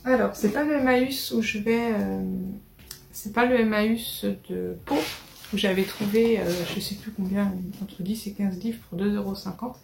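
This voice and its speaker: Woman, book vlogger, casual and hesitant, gravelly touch, roomy echo. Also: mid-range voice, steady tone, moderate pace, darkish tone, slight background noise. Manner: chatty, hesitant, many fillers and restarts. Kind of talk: casual book haul chat.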